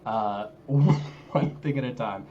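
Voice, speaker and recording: A man's voice: lowish voice, takes it slowly, dark tone. A man casting an esports stream in casual, joking banter, his voice sounding like it comes through a cardboard tube. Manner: joking, self-deprecating banter. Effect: muffled mic that sounds like talking through a tube. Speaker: esports league caster. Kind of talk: casual live-stream commentary. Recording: muffled lo-fi mic, faint hiss.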